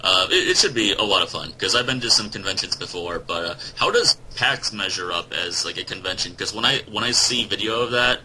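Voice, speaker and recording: Young man, deep voice, sharp tone, laid-back host, voice call. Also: expressive, fairly quick, hardly any pauses, slight background noise, low-quality recording. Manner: laid-back, hesitant with many fillers. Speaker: podcast host. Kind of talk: casual chat over a voice call. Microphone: video call.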